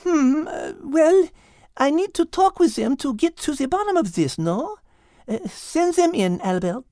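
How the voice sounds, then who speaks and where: A man voicing a calm, clever female animal sleuth with a put-on French accent, in a storybook reading. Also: very high-pitched, measured pace, no room sound, studio quality, voice pushed up, heavily acted. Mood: musing.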